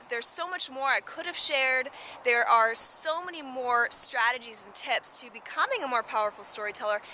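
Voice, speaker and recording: Woman vlogger, upbeat and emphatic, high bright voice, outdoors. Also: slight background noise. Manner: upbeat, emphatic, repeats key words. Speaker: vlogger giving storytelling tips. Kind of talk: casual instructional vlog.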